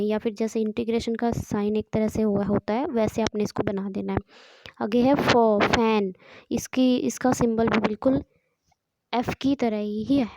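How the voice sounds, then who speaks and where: An Indian woman with a slightly high, mellow voice teaches English sounds in a patient, step-by-step way. She repeats the key points as she explains. Her voice is recorded dry, with no room sound. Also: no room sound, poor audio. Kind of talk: classroom lesson explanation.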